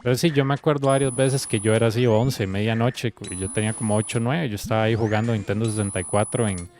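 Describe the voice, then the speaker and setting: Rambling Costa Rican streamer, casual. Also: male voice, on the low side, steady tone, fast talker, a little mellow, faint music behind. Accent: Costa Rican Spanish. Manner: loose, rambling storytelling with frequent swearing. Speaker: game streamer. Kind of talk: casual chat with viewers while playing.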